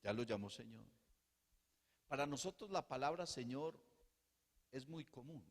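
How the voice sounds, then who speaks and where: A male pastor preaching a sermon, swinging between soft hushed passages and loud fervent bursts, with rhetorical repetition. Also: mid-range voice, lively intonation, a little slow. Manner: rhetorical repetition and calls of "hermano". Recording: long hall reverb.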